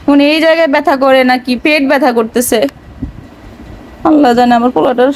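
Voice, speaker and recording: Woman, young adult, high voice, home vlog, coaxing and tender, weary, distressed. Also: steady tone, fairly quick, a little mellow, a little hiss or hum, low-quality recording. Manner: tender, coaxing, repeating endearments. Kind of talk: home vlog, soothing a crying child.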